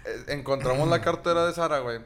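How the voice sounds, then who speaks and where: A man's voice: fairly high pitch, fast, a bit bright. A young Mexican man casually telling a story as a podcast co-host, slangy and laughing often. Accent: Mexican Spanish. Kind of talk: casual chat.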